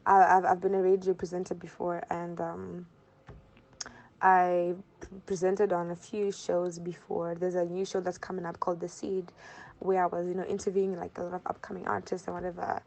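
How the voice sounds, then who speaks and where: A woman's voice: lowish voice, level tone, moderate pace, darkish tone. A woman in her twenties from Zimbabwe, a social work student chatting as an interview guest, bubbly, laughing often and repeating herself. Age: 20s. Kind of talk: casual interview chat.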